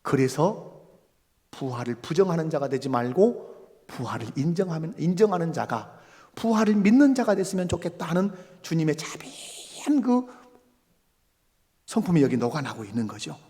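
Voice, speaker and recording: A male pastor preaching a sermon with a high, lively voice that leaps up and down. He keeps asking the congregation questions and acts out the lines he quotes. His voice carries a long reverb from the church hall. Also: moderate pace. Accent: Korean. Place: church sanctuary.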